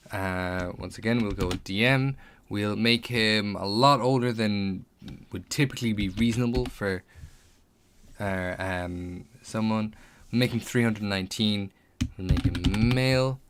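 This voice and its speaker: Low-voiced man musing on a stream. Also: slight background noise. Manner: thinks aloud, musing over options; chats back to viewers' comments. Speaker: streamer making a tabletop game character. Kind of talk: casual live-stream chat.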